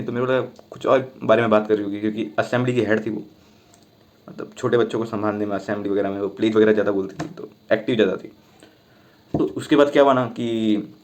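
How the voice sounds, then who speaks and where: Young man, casual storytelling, quick pace, mid-pitched voice, acts out the dialogue. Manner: chatty, animated retelling with quoted dialogue.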